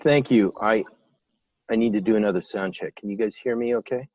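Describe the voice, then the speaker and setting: A man hosting an online meeting, briskly running sound checks and calling on speakers. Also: on the low side, no room sound. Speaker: meeting host. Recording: dull, dry lo-fi call audio.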